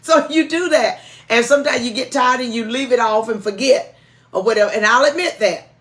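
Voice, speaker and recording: A woman's voice: fairly high pitch, fairly quick, a bit bright. A middle-aged woman giving informal, cautioning advice and announcements in a folksy, emphatic way. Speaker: church music director and co-host.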